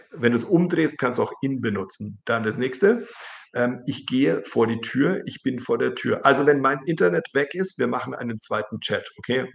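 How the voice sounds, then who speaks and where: Man with a gravelly voice, teaching live. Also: medium pitch. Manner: chatty, reads viewer messages and corrects them. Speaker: German teacher. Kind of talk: live-stream lesson, reading chat aloud.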